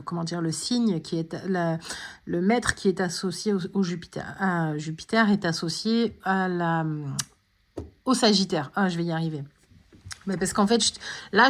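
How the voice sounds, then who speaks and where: Woman, spiritual guidance monologue, hesitant with restarts, medium pitch. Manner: hesitant, many fillers and restarts. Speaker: tarot and oracle reader.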